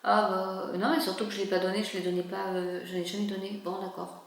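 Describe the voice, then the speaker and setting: A woman's voice: mid-range voice, flat delivery, fairly quick. A middle-aged woman chatting casually in a vlog, hesitant and rambling, with many fillers and restarts. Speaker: vlogger. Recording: very echoey room, faint background noise.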